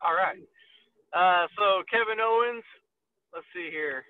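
High-voiced man on a tinny line. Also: slow pace, no echo. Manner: swears casually, hesitant fillers. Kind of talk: casual banter. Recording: tinny phone-like line, dry.

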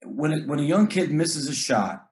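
A man's voice: on the high side, lively intonation, moderate pace, a little mellow. A middle-aged man, a basketball coach, talking earnestly in casual chat, often repeating words and acting out what he tells his players.

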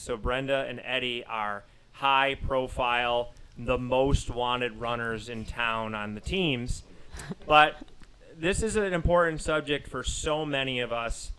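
With a Southern US accent, a man in his thirties who coaches running hosts a studio podcast, opening with a scripted reading of many race results before chatting with fillers. His voice is medium-pitched, bright and forceful, with slight background noise and poor audio.

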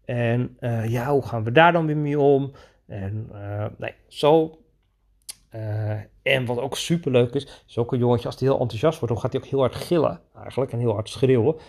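A man who coaches children in his own practice, telling a podcast story in an enthusiastic, animated way. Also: mid-range voice, normal speed, gravelly. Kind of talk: podcast monologue.

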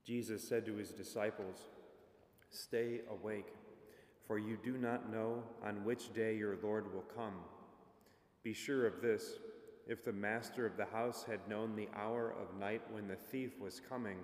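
Priest, male, lowish voice, earnest and measured, cathedral echo with a long reverb tail. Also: steady tone. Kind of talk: gospel reading and homily at mass. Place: large church. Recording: echoey church with long reverb.

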